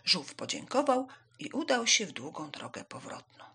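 A woman reading a children's fable aloud in an animated way, switching into voices for the characters. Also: lowish voice, moderate pace, creaky, slightly rough. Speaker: storyteller.

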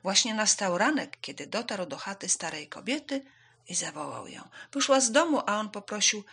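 A woman reading a children's fable aloud in an animated way, switching into voices for the characters. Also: mid-range voice, normal speed, breathy edge. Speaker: storyteller.

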